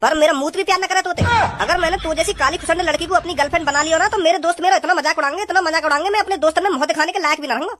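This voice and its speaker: Woman playing a rude cartoon guy, super high and rapid. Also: background noise. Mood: scornful. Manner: rude and scornful. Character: rude, boastful young man in a park. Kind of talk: comic cartoon dub.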